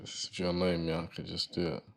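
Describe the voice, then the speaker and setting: A man's voice: deep voice, completely flat delivery, brisk, creaky, a little hiss or hum. A man co-hosting a podcast, teasing his co-host in a laid-back, casual chat.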